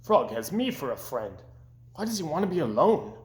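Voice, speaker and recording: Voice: medium pitch, very animated, moderate pace, roomy sound, lightly acted. A reader voicing a grumpy but earnest male toad from a storybook, speaking emphatically. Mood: puzzled.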